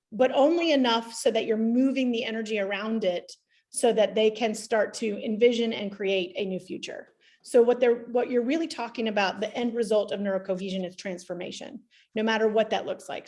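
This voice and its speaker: A woman's voice: mid-range voice, darkish tone. A woman answering a student's question in a live online class, talking casually and often restarting her sentences. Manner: chatty, self-interrupting, restarts sentences. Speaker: energy practitioner teaching a class. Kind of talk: live Q&A teaching, casual explanation.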